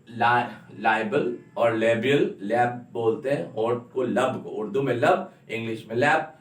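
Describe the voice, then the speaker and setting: A man teaching a phonetics lesson, slowly repeating each sound and spelling words out letter by letter. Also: mid-range voice, distant mic. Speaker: English teacher. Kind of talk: classroom-style phonetics lesson. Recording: echoey room, voice from afar.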